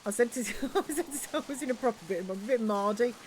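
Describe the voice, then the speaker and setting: A woman's voice: a little high, a little fast, a little hiss or hum. A woman streamer chatting casually and rambling through stories while playing a game. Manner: chatty, rambling storyteller with regional slang.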